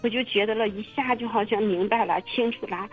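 A woman telling her own story in casual testimony, halting and repeating her words with many fillers. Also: mid-range voice, soft background music. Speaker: testimony guest. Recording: muffled phone-line radio recording.

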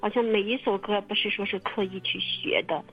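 A woman telling her own story in casual testimony, halting and repeating her words with many fillers. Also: mid-range voice, steady tone, slightly rough, faint music behind. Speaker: testimony guest. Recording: muffled phone-line radio recording.

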